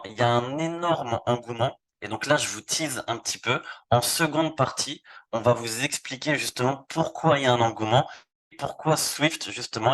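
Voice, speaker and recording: A man's voice: mid-range voice, fairly bright tone. A man from France presenting a live webinar, walking through a website casually and repeating words as he clicks through screens. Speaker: online presenter. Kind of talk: live webinar product demo.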